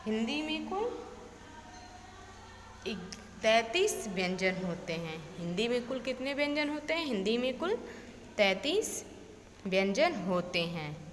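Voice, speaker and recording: A woman teacher gives a very slow, drawn-out lesson, reciting letters one by one. Her slightly high voice rises and falls in a lively way as she asks questions and answers them herself. The sound is echoey, with a long reverb and faint room ambience. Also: a little hiss or hum.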